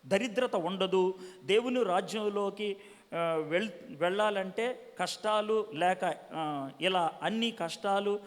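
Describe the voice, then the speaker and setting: Man, evangelist, Q and A with youth, high voice, rhetorical questions, long hall echo. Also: slow. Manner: rhetorical questions, asks audience for answers; mixes English words into speech. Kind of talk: Q and A preaching to young people. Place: conference hall.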